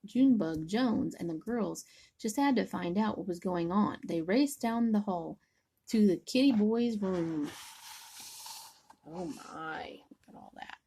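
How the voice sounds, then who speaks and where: Older woman slowly reading a storybook. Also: medium pitch, husky. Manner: slow, gentle reading with small stumbles. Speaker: grandmother reading a picture book. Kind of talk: storybook read-aloud.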